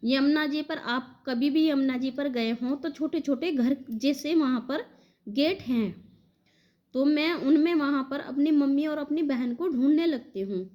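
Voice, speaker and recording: High-voiced woman recounting a devotional vision. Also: a little slow, highs cut off. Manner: warm devotional address, conversational retelling. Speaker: devotional storyteller. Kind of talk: narrating a spiritual vision to devotees.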